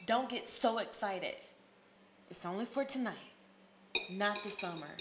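A woman's voice: mid-range voice, measured pace, reverberant, very noisy, close to an everyday voice. A woman playing a weary, dismissive hip-hop artist. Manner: flat, tired, dismissive.

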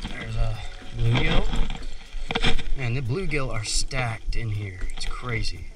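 A young fishing channel host excitedly narrates his catches on a wooded creek bank, recorded by an action camera on his head or chest. His medium-pitched voice is slow and far from the mic, in very noisy audio under loud background music. He keeps up an excited, casual play-by-play, saying "y'all" and "dude".

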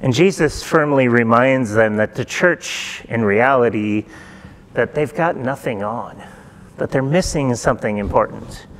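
A middle-aged man preaching a sermon in a church, retelling a folktale in a relaxed, conversational way and asking the congregation questions. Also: mid-range voice, unhurried. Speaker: pastor. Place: church sanctuary.

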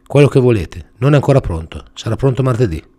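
A man's voice: medium pitch, animated, quick pace, dark tone, slightly rough. A man playing a grumpy, sleepy mechanic who answers curtly, in a read-aloud story. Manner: curt, dismissive.

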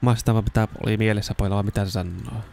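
A young man with a fairly low voice talks through a video game in casual let's-play style. He chats to himself as he plays and breaks into excited shouting when something works, recorded close on a desk microphone. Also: creaky. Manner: chatty, talks to himself while playing, bursts into excited shouts. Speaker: gaming YouTuber.

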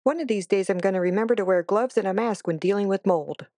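A woman in her thirties narrating a home decluttering vlog in a calm, steady voice-over. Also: medium pitch, quick pace, no room sound, studio quality. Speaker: home organizing vlogger.

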